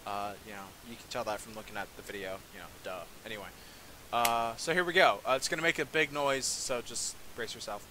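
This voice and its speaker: A man's voice: mid-range voice, fairly quick, sharp tone, slight background noise. A young man giving a casual, rambling walkthrough of a strategy game, full of fillers and self-deprecating asides. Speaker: game tutorial presenter. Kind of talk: casual gameplay commentary.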